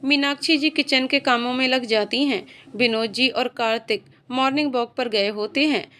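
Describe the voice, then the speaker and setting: A woman's voice: high voice, moderate pace, bright, forceful tone. A woman reading an emotional story aloud as narrator, voicing every character in her own voice.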